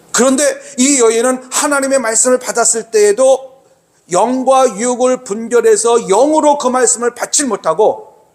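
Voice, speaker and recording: Male pastor with a high voice, preaching emphatically and repeating key lines. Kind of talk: sermon.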